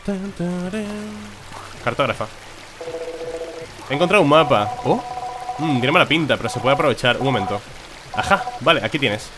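A man's voice: mid-range voice, expressive, a little fast, long pauses, noisy background. A young man with a Spain Spanish accent giving chatty let's play commentary and swearing when he gets frustrated. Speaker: gaming video creator. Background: game music.

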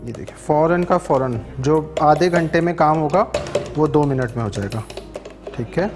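A man in his thirties with a Sindhi accent hosts a live TV cooking show in a studio kitchen, chatting through a recipe and taking phone-in callers. His voice is on the high side at a moderate pace, with loud music behind it. He switches between languages and keeps checking in with "theek hai?"

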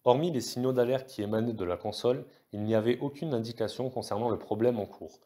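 Low, dark-voiced male audiobook narrator. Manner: steady, measured reading.

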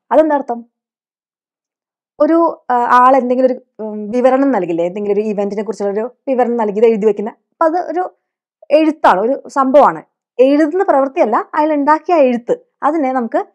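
A woman teacher with a Malayali accent and a slightly high voice. She explains things patiently and keeps asking her listeners questions as she goes. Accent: Malayali English. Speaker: English teacher. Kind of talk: teaching spoken English.

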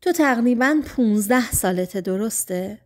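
A woman voicing a caring, shy teenage boy who speaks softly and reassuringly in an audiobook. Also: a little high, expressive, close to an everyday voice.

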